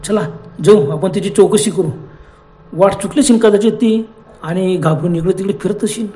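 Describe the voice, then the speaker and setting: Imagine a storyteller doing a cocky young man in a ghost story, waving off his friends' fears with teasing insistence. The voice is dark and mellow, close to the teller's own. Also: high voice, moderate pace, lightly acted. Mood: reassuring. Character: bold young men mocking their scared friends.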